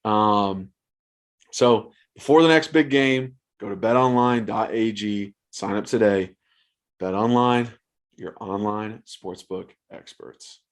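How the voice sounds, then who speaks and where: A man's voice: on the low side, takes it slowly. A man hosting a sports podcast in an informal, conversational way. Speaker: podcast host.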